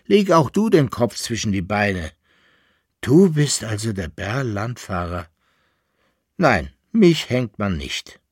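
A man voicing an eager, talking poodle dog in a storybook reading, with a husky, lively voice. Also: on the low side, no room sound, clean studio sound, exaggerated voice. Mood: drowsy. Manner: eager, quick to protest.

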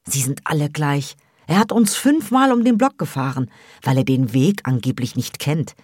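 Eine Frau, die eine erschöpfte, verbitterte ältere Schwester spricht, gepresst und schimpfend. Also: female voice, deep voice, lively intonation, normal speed, a little mellow, breathy edge, dry recording, clean studio sound. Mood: bitter ranting. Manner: bitter, pressed. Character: angry exhausted woman, older sister.

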